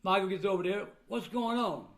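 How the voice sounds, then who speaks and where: Old man, high-pitched for a male, blunt grandfatherly delivery, informal personal vlog talk. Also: a little fast, fairly bright tone. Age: older. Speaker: vlogger recounting family troubles. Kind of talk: casual personal talk to viewers.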